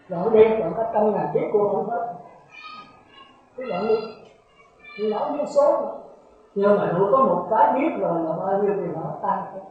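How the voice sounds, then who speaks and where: A man, a Buddhist monk giving a dharma talk who keeps checking that his listeners follow. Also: high voice. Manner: lecturing, repeats rhetorical checks to listeners. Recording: heavily echoey, tinny phone-like sound.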